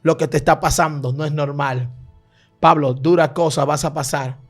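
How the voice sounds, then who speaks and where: A man delivers a fervent sermon in a slightly raised voice, his volume rising and falling between loud proclamations and hushed prayer. He slips into tongues between phrases. Soft music plays faintly beneath him. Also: fairly high pitch, fairly even intonation, normal speed. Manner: fervent preaching, swells loud then drops to hushed prayer. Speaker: preacher.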